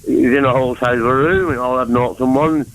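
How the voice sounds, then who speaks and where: A man's voice: medium pitch, steady tone, quick pace, a little hiss or hum, low-quality recording. A man with a Mancunian accent rambling from topic to topic on a phone-in call. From England. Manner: rambling, jumps between topics. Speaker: caller.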